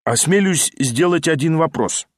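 Prim soft formal teacher, read by a man; dry close sound. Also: on the high side, expressive, moderate pace, no echo, close to an everyday voice. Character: prim, soft-spoken lame male schoolteacher.

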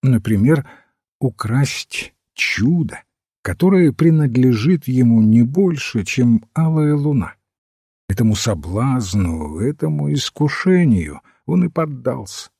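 A man's voice: medium pitch, slow, gravelly, husky, no echo, studio quality, exaggerated voice. A man as Father Brown, mild priest. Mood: explaining. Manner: calm, reasoning, gently explaining. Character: mild, thoughtful elderly male priest-sleuth.

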